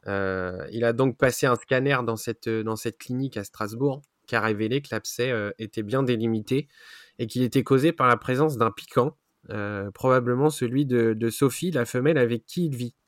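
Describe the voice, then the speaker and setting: A man presenting a zoo news roundup on a podcast, often pausing with fillers and correcting himself. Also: medium pitch, no echo, studio quality. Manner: frequent hesitations and self-corrections.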